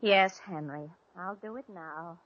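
An actress playing a flustered, frightened young housewife in a 1940s radio drama, pleading. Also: female voice, fairly low pitch, a little slow, fairly bright tone. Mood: embarrassed. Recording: dull old radio broadcast.

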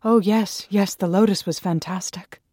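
A storyteller voicing the nervous, craving first-person character in a loud, high-strung, pleading voice. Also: fairly even intonation, moderate pace, dry recording, clean studio sound, lightly acted. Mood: eager. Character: desperate craving flower-eater, nervous.

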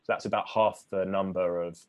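Measured man explaining ideas. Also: sits low, steady tone. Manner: measured, lecturing with frequent restarts. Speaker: author guest.

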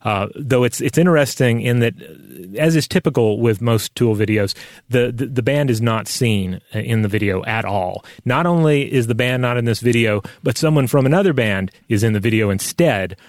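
A man co-hosting a podcast, explaining casually in halting, hesitant phrases. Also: medium pitch, dry recording, studio quality. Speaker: podcast co-host.

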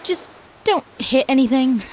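Wry, higher-voiced young girl adventurer. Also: expressive, a little slow, a little hiss or hum. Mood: teasing. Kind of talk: audio drama acting.

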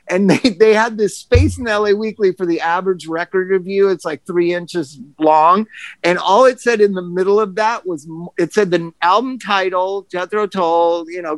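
A middle-aged man co-hosting a casual chat, telling rambling, animated stories with restarts and swearing. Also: high-pitched, dry recording. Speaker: podcast co-host.

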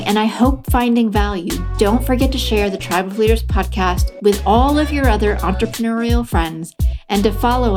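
A woman hosting a business podcast, upbeat and enthusiastic as she introduces the show and her guest. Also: mid-range voice. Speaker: podcast host and business coach. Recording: music playing behind the intro.

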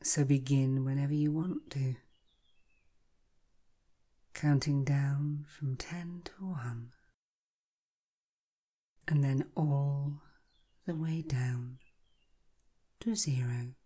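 Slow soothing countdown type hypnosis lady, mellow soft voice, half whispering and breathy. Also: very deep voice. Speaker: hypnotherapy guide. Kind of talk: guided hypnosis relaxation, scripted narration.

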